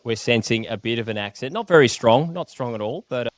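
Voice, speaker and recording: A man hosts a podcast interview in an upbeat, joking manner. His voice sits at an ordinary pitch and sounds dry and close to the mic. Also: expressive, fast talker, no echo. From Tasmania. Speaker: podcast host.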